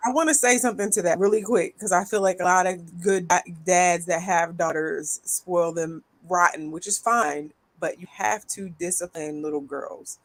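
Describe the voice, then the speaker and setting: A woman's voice: lowish voice, moderate pace, few pauses, low-quality recording. A woman on a podcast panel, speaking frankly and earnestly in casual chat.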